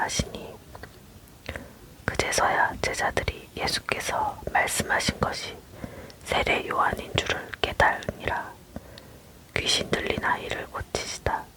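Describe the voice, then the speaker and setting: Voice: very high voice, rough recording. Casting: ASMR reader for scripture, leaning in to whisper throughout, breath only with no voiced tone. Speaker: Bible reader.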